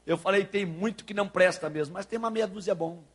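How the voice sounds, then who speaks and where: A man preaching a sermon as pastor, telling a story with acted-out dialogue and building to loud, fervent preaching. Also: high voice, quick pace, breathy edge. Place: church sanctuary.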